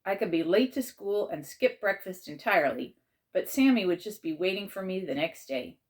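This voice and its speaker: Reading aloud from a children's storybook, an author and teacher speaks in a fairly low register at a moderate pace. She voices a child in the first person, and her pitch roams freely in an animated, dramatized performance.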